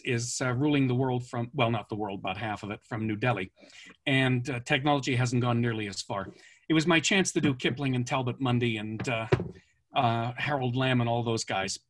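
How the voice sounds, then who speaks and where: Husky-voiced man telling rambling stories. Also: mid-range voice, a bit bright. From born in France, raised in Canada. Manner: rambling anecdotes with frequent fillers and restarts. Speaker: author guest. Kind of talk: relaxed storytelling interview.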